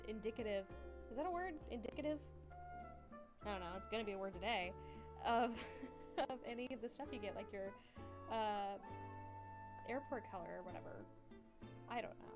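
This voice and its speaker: A young woman chatting casually while streaming a game, excitable, giggly and self-deprecating. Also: on the high side. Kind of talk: casual gaming stream chat.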